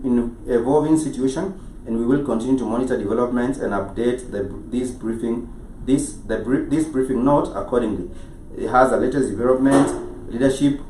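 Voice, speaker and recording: A man with a Kenyan accent hosting a live show, speaking in a halting way and often rephrasing himself. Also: mid-range voice, darkish tone. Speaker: show host. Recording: echoey, noisy room, distant mic.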